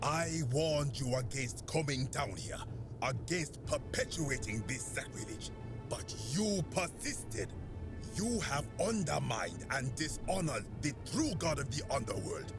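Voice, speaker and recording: An actor playing a stern, menacing religious zealot of the underworld in a video game, speaking solemnly and theatrically. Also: male voice, medium pitch, very animated, slow, music in the background. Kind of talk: dramatic video game dialogue.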